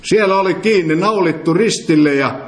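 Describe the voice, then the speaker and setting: A man preaching an interactive sermon, emphatic, quizzing his listeners with questions. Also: high voice. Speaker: preacher leading a Bible study. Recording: roomy echo.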